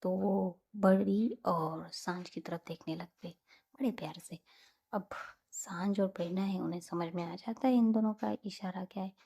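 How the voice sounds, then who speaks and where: A woman tells a romantic story in a soft, half-whispered way. Her voice is mellow and dark with a husky, breathy edge and a gravelly fry on the low ends. She keeps a calm, even storytelling pace. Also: normal speed, hardly any pauses. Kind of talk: scripted story narration.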